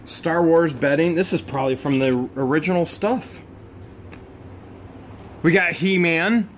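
A man narrating as he digs through boxes from a bought storage unit, casual and chatty, breaking into excited high exclamations over finds. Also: measured pace, a little hiss or hum. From United States. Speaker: storage unit reseller vlogger.

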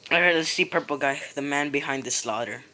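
A gaming YouTuber giving excitable, exclaiming commentary over gameplay, talking straight to viewers. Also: mid-range voice, fairly quick.

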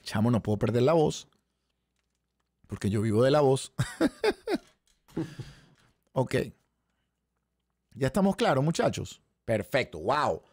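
A man with a Venezuelan Spanish accent, hoarse, teaching a live trading lesson and firing rhetorical questions at his viewers. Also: medium pitch, takes it slowly, long pauses, no echo. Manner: animated, talks straight to the chat audience with frequent rhetorical questions. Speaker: trading instructor.

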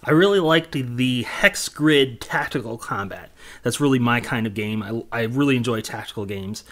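A man co-hosting a board game preview, explaining the rules in a steady, plain way. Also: mid-range voice, moderate pace. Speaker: game reviewer co-host.

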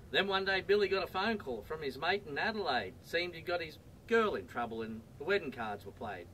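An Australian man rolls through a comic bush poem, his fairly high voice bouncing across a wide pitch range. He is outdoors, and steady traffic noise sits behind him. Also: far from the mic, rough recording. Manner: rollicking rhyming delivery. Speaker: bush poet.

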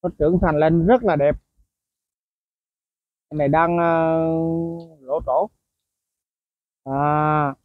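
Slow and a little high, pausing often, the man talks viewers through songbirds in a casual bird-keeping vlog, chatty and full of fillers and asides. The sound is dry and tinny like a phone, with no echo.

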